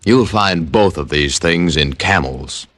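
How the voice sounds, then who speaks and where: A man's voice: low-pitched, lively intonation, takes it slowly, a bit bright, no echo. A man with an American accent reading an old-time radio advertisement as announcer, in a polished, emphatic sales manner.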